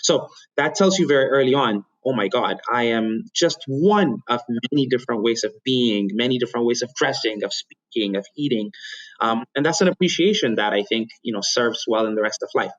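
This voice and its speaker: A man in his thirties from Ethiopia, whose first language is Amharic, speaking as a podcast guest in a measured, thoughtful way, often restarting his sentences. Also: medium pitch, lively intonation, a bit bright, dull audio. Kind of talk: conversational interview.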